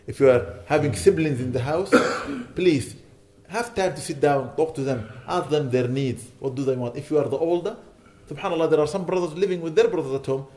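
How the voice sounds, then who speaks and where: A man's voice: fairly high pitch, brisk, hardly any pauses, mellow. A man delivering a sermon as a sheikh, urging his listeners with repeated rhetorical questions. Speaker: sheikh giving a lecture. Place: lecture hall.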